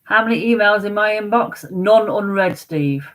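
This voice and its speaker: Woman, livestream host, casual rambling chat at home, mid-pitched voice, chatty and easygoing. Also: normal speed, a bit bright, rough recording. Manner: chatty, rambling, reads chat comments aloud.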